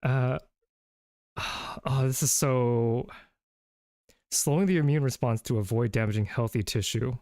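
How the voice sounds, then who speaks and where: Male quiz host on a call, mid pitch, dry close sound, chatty and self-deprecating. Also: a little slow, pauses often, a little mellow, dry recording. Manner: self-deprecating, thinks aloud with restarts. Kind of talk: casual streamed quiz chat.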